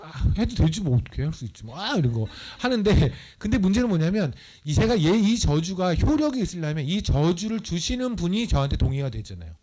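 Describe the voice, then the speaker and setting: A male missionary preaching a lively Bible study sermon in a church, playful and teasing, acting out voices as he explains scripture. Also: high-pitched, fairly quick, few pauses.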